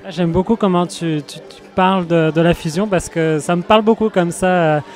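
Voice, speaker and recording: A man hosting an interview at a festival. He asks friendly, loosely worded questions and tends to trip over his words. His voice is notably high for a man. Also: steady tone, normal speed, faint music behind, some chatter behind. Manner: friendly, slightly stumbling questions. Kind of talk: casual interview.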